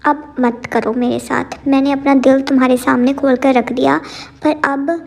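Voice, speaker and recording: A woman's voice: sits high, level tone, moderate pace, vocal fry, darkish tone. A woman reading aloud the lines of an angry, desperate young man in love, in a demanding, insistent way.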